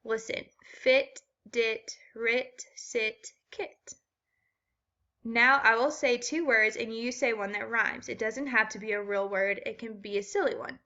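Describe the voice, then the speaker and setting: A woman's voice: on the high side, moderate pace, hardly any pauses, bright, forceful tone, highs cut off. A woman walking through a children's reading assessment step by step, with frequent ums. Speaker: student teacher explaining an assessment.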